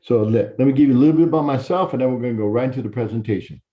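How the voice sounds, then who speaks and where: A middle-aged Chicago man, a university professor, addresses students directly in a rapid-fire, mid-range voice, telling personal stories in a conversational lecture. He repeats words and restarts often, and the recording is muffled, dull, and lo-fi.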